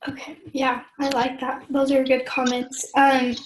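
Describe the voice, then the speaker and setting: A young woman from Idaho leading a casual group discussion over a video call, talking slowly and clearing her throat often. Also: high-pitched, completely flat delivery, slight background noise, rough recording. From Idaho, USA. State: pregnant. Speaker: discussion leader.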